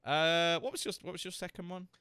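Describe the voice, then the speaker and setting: A man's voice: sits high, fairly even intonation, fairly quick, pushed and bright, smooth, dry recording, studio quality. A man hosting a casual esports podcast, thinking aloud with hesitant word repeats. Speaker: podcast host.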